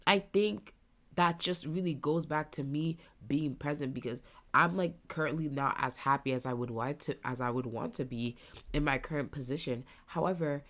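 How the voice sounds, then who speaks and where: A woman in her twenties with a stuffy nose and a low-pitched voice hosts a casual solo podcast. She rambles along, thinking out loud.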